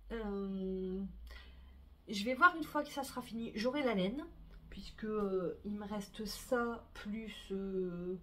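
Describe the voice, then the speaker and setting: A woman's voice: medium pitch, fairly bright tone. A middle-aged woman, chatting casually about her sewing and knitting projects, full of fillers and restarts. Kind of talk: casual chat to camera.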